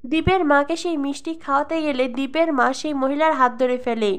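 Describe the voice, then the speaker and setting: High-voiced woman reading a serial recap. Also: normal speed. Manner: steady storytelling read, quotes lines in the same voice. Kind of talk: read-aloud plot recap narration.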